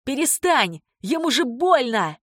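A woman voicing an angry young man shouting in defense of his father in an audiobook. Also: mid-range voice, normal speed, dry recording, studio quality, close to an everyday voice. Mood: outraged. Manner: shouting, indignant. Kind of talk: audiobook character voice.

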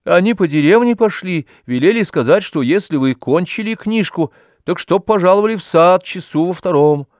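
Casting: male narrator doing a chattering young maid, higher register, dry studio read. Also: lively intonation, moderate pace, hardly any pauses, darkish tone, no echo. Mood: eager. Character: female young housemaid, quick and eager. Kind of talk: audiobook reading.

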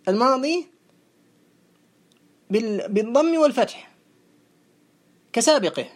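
A woman's voice: fairly high pitch, expressive. Methodical woman teaching classical grammar. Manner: methodical, repeating each verb form slowly. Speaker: teacher of Arabic morphology. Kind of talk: explaining a classical grammar text.

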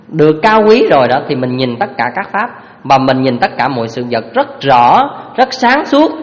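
In a reverberant hall, a male Buddhist Dharma teacher with a slightly high voice delivers a sermon through lively, animated storytelling. He addresses his listeners directly.

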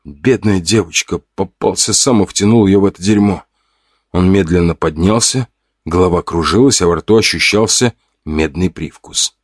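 Deep-voiced male audiobook narrator. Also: moderate pace, dry recording, clean studio sound. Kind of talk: scripted narration.

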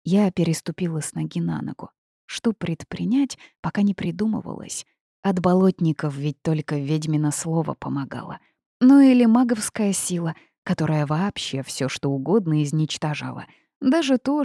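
A woman narrating a first-person audiobook in a measured, expressive storytelling manner. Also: sits low, creaky, no echo, studio quality.

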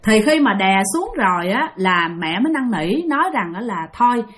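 A woman's voice: mid-range voice, sing-song, normal speed, a bit bright. A woman with a Southern Vietnamese accent telling a ghost story, chatty and addressing listeners directly. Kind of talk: spoken ghost story narration.

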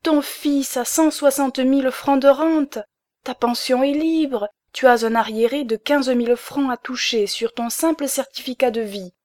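A woman's voice: a little high, unhurried, darkish tone, no room sound, studio quality, pitched above the performer's own voice, close to an everyday voice. A woman voicing an emotional pleading baroness. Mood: pleading joy. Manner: urgent, pleading and heightened. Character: emotional middle-aged baroness pleading with her husband.

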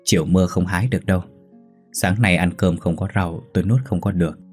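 Vai ông chồng già ở quê, bướng bỉnh, dễ hoảng, người đọc truyện nam thể hiện, giọng trầm. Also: male voice, deep voice, darkish tone, slightly rough, faint music behind. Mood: joking, stubborn. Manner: halting, stammering whispers when terrified. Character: elderly village husband, stubborn, easily frightened.

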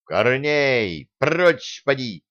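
A man's voice: medium pitch, normal speed, lightly acted. A man voicing a grumpy, stubborn elderly teacher who grumbles and snaps back. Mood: brusque. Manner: grumbling, irritable, defiant. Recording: dull lo-fi sound.

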